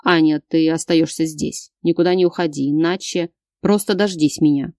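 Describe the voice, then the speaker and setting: A woman's voice: low-pitched, fairly even intonation, moderate pace, dark tone, dry recording, clean studio sound, natural voice. A woman doing a stern growling husband. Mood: commanding. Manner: growling, clipped commands. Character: stern cold young husband, commanding.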